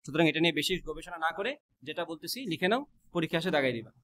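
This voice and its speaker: A man teaches a physics class, quizzing students with quick rhetorical questions and mixing English math terms into his speech. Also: a little high, fairly bright tone. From Bangladesh.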